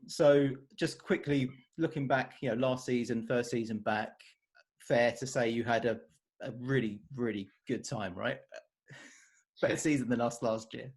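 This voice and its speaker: A man's voice: mid-range voice, darkish tone. Guy hosting a footy podcast, friendly rambly, mid voice. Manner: friendly, rambling, laughs easily. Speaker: podcast host. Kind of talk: casual podcast chat.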